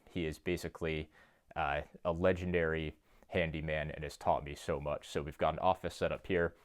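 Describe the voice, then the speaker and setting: Low monotone young man vlogging. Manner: monotone, earnest. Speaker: fitness YouTuber and coach. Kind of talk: casual talk to camera. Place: home basement gym. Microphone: phone camera.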